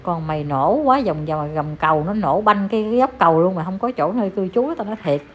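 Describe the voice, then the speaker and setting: A woman's voice: fairly low pitch, expressive, fairly quick. A woman with a Southern Vietnamese accent giving a heated, scolding commentary vlog, talking down to the person she criticizes. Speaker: online commentator. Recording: slightly dull recording, faint background ambience.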